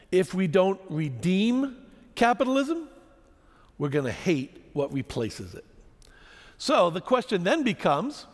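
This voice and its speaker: A man's voice: sits high, long reverb tail. A man giving a public lecture to an audience, telling stories and asking rhetorical questions. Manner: animated storytelling, rhetorical questions.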